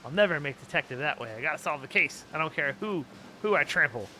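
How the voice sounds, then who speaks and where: Bright-voiced man commenting on a game. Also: a little high, lively intonation, fast talker, slight background noise, poor audio. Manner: rambling, reactive, joking. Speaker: gaming streamer. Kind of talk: casual playthrough commentary.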